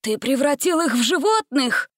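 Woman doing a shrill, blustering bandit chief. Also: animated, a little slow, fairly bright tone, dry recording, clean studio sound. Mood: bossy, panicked. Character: bullying male bandit leader, easily scared. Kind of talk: storybook reading.

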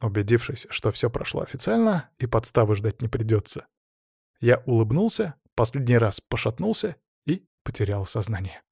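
A man narrates a fantasy audiobook in the first person, telling it in an expressive, lively way. His voice carries a gravelly fry at an ordinary middle pitch. The sound is dry and close-miked, with no echo. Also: normal speed.

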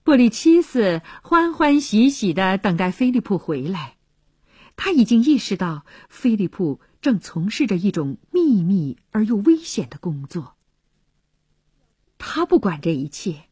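A woman reads a radio story aloud in a very husky, breathy voice. She takes her time, and her pitch swings widely as she sinks into hushed passages. The recording is dry and close, with no room sound. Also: dry recording. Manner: expressive storytelling, often dropping to a hushed voice. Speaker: narrator. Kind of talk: serialized radio story reading.

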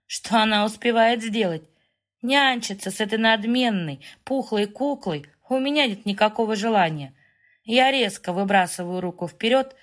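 Brief: female audiobook narrator, first-person fantasy, expressive mid-pitched voice.

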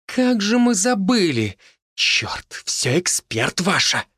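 A man voicing a brisk, sharp-tongued village herbalist woman who scolds and exclaims in a raised, lively voice. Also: on the high side, dry recording, clean studio sound, pitched above the performer's own voice, close to an everyday voice. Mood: eager.

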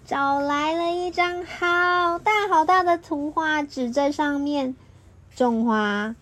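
A woman reading a children's storybook aloud to a child, in a lilting, expressive voice. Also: high voice, slow.

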